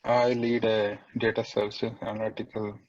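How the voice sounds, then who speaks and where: A man's voice: on the low side, flat delivery, moderate pace, a little mellow, dull audio. A man program lead briefly introducing himself in an online meeting, plain and slightly hesitant. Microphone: video call.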